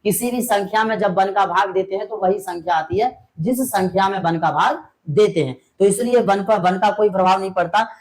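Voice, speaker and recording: A man's voice: sits high, brisk, low-quality recording. Male maths teacher, coaxing and patient. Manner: coaxing, keeps checking if students follow; calls students "beta" and "my brother" fondly. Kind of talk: online classroom lesson.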